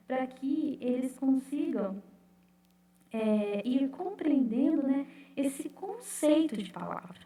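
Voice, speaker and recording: A woman's voice: on the high side, darkish tone. Woman, chatty teacher's explanation, roomy echo, a bit far from the mic. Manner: chatty, repeats "né?" and "gente", sounds out syllables slowly. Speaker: literacy teacher trainer. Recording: echoey room, away from the mic.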